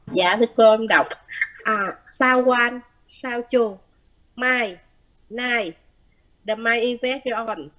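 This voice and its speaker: A woman's voice: fairly high pitch, slow pace, pauses often, fairly bright tone, low-quality recording. A woman student reading practice words aloud carefully, one word at a time.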